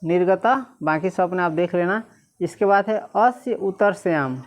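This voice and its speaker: A woman teacher, reading Sanskrit slowly syllable by syllable and quizzing the class again and again. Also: fairly low pitch, expressive. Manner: repeatedly quizzes listeners, slow syllable-by-syllable reading.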